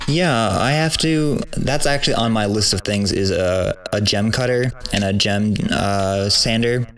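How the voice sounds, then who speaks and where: A man in his thirties, a guest on a casual podcast, telling stories in a relaxed way and chuckling at his own jokes. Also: lowish voice, a little slow. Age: 30s. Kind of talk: casual group chat.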